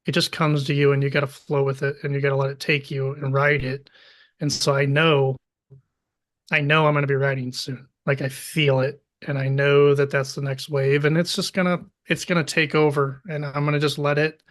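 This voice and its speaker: A man's voice: fairly high pitch, little pitch movement, fairly quick, a bit bright. A man in a casual conversation, musing loosely and correcting himself as he goes.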